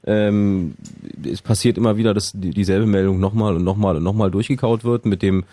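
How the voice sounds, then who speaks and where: A man co-hosting a radio talk show, talking in a brisk, conversational way and introducing a caller. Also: on the low side, steady tone, mellow, no echo. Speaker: radio co-host. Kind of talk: casual on-air discussion.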